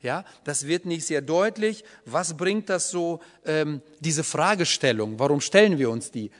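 Leading a group Bible study, a man speaks a little slowly in a slightly high, expressive voice. His patient explanations are peppered with a questioning "ja?" to the audience, all under long hall reverb.

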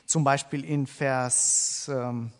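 A man preaching a sermon to a congregation, halting, with many fillers and restarts, and putting questions to the listeners. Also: mid-range voice, fairly even intonation. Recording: long hall reverb.

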